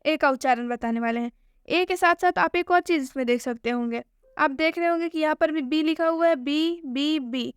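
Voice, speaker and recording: Woman teacher, high voice, dry close recording, asks and answers her own questions. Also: moderate pace, no room sound. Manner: repeats key points as questions and answers them. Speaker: English pronunciation teacher. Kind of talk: screen-based video lesson.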